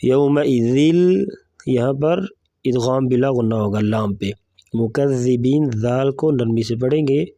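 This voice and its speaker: A man teaching Quran recitation. He chants each verse slowly and draws it out, then gives quick spoken pointers on pronunciation. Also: mid-range voice, warm tone, no echo. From South Asia. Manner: alternates slow drawn-out chanting with brisk spoken instructions. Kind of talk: recitation lesson with spoken explanations.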